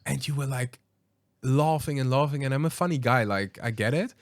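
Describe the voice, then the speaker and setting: A man hosting a podcast, telling a story in a casual, animated way, acting out quoted lines and hesitating with ums and restarts. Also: mid-range voice, normal speed, dry recording, clean studio sound. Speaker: podcast host.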